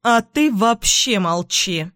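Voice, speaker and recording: A woman voicing a furious middle-aged mother in an audiobook, shouting scornful accusations. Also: mid-range voice, animated, takes it slowly, dry recording, clean studio sound. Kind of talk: audiobook character voice.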